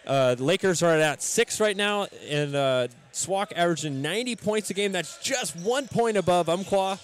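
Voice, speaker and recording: A man's voice: high-pitched, expressive, normal speed, a little hiss or hum. A man hosting a college basketball broadcast, welcoming listeners and running through stats with some fillers. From United States. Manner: scripted welcome, stat rundown with fillers. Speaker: play-by-play announcer. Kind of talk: pregame sports broadcast.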